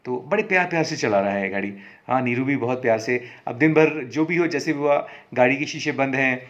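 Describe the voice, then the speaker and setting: A man narrates a story in a relaxed, conversational manner, often stopping to correct himself. His voice sits at a middling pitch. The recording is a bit dull and lo-fi. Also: brisk. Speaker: storyteller host. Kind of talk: casual spoken storytelling.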